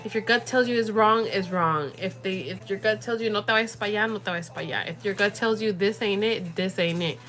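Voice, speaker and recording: Brisk and with few pauses, a young woman hosting a casual stream talks in a medium-pitched, slightly bright voice. She rambles, fills the gaps with fillers and tosses in the odd Spanish word while faint music plays behind.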